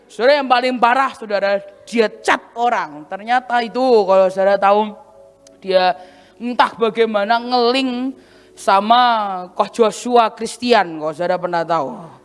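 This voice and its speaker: A woman preacher telling a story in a sermon, animated and full of exclamations, in a church hall. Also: mid-range voice, normal speed, faint music behind. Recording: reverberant hall.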